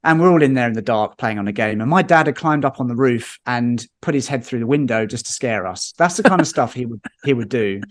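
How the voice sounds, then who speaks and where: A man, a podcast guest chatting casually and telling lively anecdotes with chuckles. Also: medium pitch, fairly quick, few pauses.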